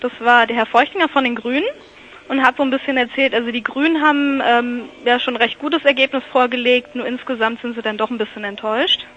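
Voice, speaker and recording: A woman's voice: on the high side, fairly even intonation, fairly quick, a bit bright, a little hiss or hum. A woman reporting live for student radio over a poor phone connection, chatting with frequent fillers. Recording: lo-fi telephone line.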